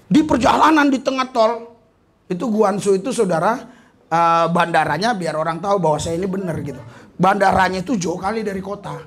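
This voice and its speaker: A man from Indonesia, a pastor preaching a sermon in an animated, storytelling way, throwing in hallelujahs between his points and falling into casual slang. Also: high-pitched, husky.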